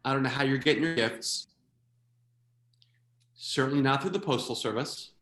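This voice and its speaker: An American man performing a stand-up comedy routine, animated, slipping quickly into quoted voices. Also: mid-range voice, echoey room. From United States.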